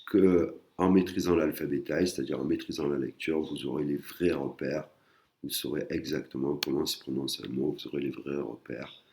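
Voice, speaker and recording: Very deep-voiced man teaching. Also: a little mellow, slight background noise. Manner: patient, repeats and rephrases himself. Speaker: Thai teacher. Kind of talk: explanatory online lesson.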